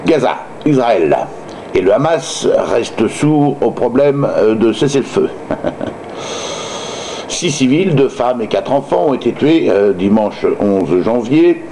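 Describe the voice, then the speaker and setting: A man's voice: medium pitch, animated, unhurried, mellow, a little hiss or hum. A man reading news like an amateur radio host, stumbling and hesitating, with sardonic personal asides.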